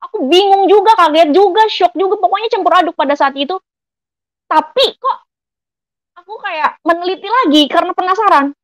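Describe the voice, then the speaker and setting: A woman's voice: extremely high pitch, brisk, no echo, rough recording. A woman giving an emotional personal faith testimony, telling her story earnestly and often addressing her listeners as friends. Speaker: testimony speaker.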